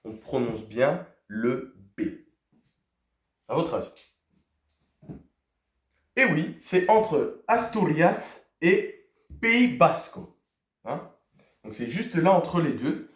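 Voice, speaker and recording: A man teaching a video lesson, putting quiz questions to his viewers, pausing on fillers and repeating key words. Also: a little high, sing-song. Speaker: Spanish teacher. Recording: echoey room.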